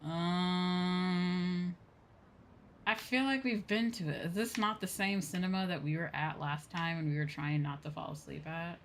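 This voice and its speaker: A streamer with a fairly low voice commentates her game livestream at an unhurried pace, chatting casually and expressively and reading on-screen dialogue aloud. Game music plays in the background, and there's a little hiss or hum on the recording.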